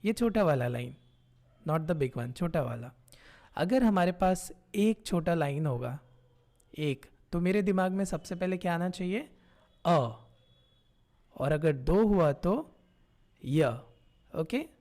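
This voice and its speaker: A woman's voice: fairly low pitch, lively intonation, unhurried, dark tone. A woman teaching a tutorial lesson, patiently checking in with learners and mixing Hindi and English. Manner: patient, often checks in with "ठीक है?". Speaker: language teacher.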